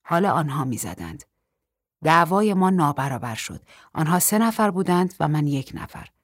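A woman reads a first-person novel aloud in a measured, even manner. Her voice sits low and husky, recorded close and dry. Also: no echo. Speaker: audiobook narrator.

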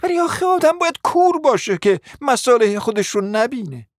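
A cunning, flattering provincial mother in a radio drama, coaxing in a smooth, persuasive voice that keeps sinking to a whisper. The sound is dry and close, with no room around it. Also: on the high side, dry recording. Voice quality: coaxing, often drops to a whisper. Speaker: scheming mother. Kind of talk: radio play acting.

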